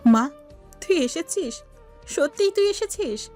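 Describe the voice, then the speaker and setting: A woman's voice: sits high, animated, very slow, soft background music, full character voice. A woman voicing an emotional middle-aged mother in an audio story, calling out tearfully and doting. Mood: tearful joy. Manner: calls out loudly, tearful and doting.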